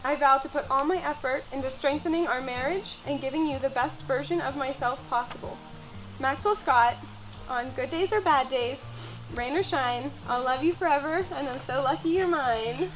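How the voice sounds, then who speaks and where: A woman's voice: sits high, normal speed, poor audio. A young woman, a bride, reading her personal wedding vows in an earnest, tender way, as if speaking to her partner. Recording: music laid over the voice. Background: music.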